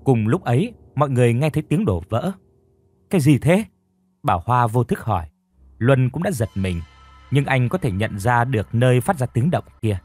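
A man narrating a dramatic audiobook story with a husky voice. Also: mid-range voice, expressive, moderate pace, darkish tone, dry recording, faint music behind.

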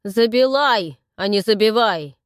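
A woman's voice: mid-range voice, moderate pace, no room sound, studio quality, lightly acted. A woman reading an audiobook, voicing a rude male thug who barks his lines and burrs his r's. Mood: barking. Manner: barking, rolls his r's poorly.

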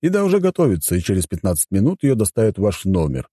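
A man voicing a composed young male hotel butler who speaks calmly and courteously with a faint menace, in an audiobook. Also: fairly low pitch, fast, slightly rough, no echo, studio quality, exaggerated voice.

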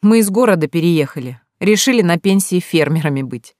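A reader voicing an older retired farmer with a grey beard who is chatty and welcoming, talking in a hearty, drawn-out way. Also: mid-range voice, expressive, a little mellow, no echo, clean studio sound, natural voice. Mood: hospitable.

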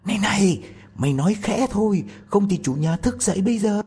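Man doing jittery burglars, raised pitch, hurried hushed, husky, storybook. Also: expressive, full character voice. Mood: frightened hushing. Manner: hushed, urgent. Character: two nervous grown male burglars.

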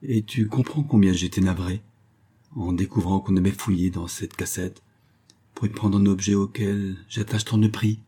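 Brief: male reader voicing an old spinster, gruff turning wistful, deep and husky. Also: steady tone, moderate pace. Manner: gruff voice softening into wistful confiding. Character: stern old spinster neighbor, secretly sentimental. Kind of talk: audiobook reading.

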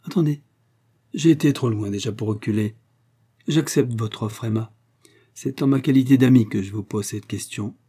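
A man reading an earnest, grave gentleman suitor. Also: medium pitch, moderate pace, breathy edge, lightly acted. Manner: grave and earnest, rising in warmth. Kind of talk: audiobook character reading.

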